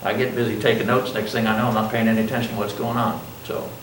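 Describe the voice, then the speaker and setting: A man's voice: on the low side, flat delivery, fast. An older man teaches a college class while wearing a mask, chatting, asking questions and poking fun at himself. He is picked up from across a roomy classroom, with faint ambient noise behind him. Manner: chatty, asks the class questions, self-joking. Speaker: college instructor. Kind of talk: classroom lecture. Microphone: masked, speaking in a classroom. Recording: roomy classroom sound from a distance.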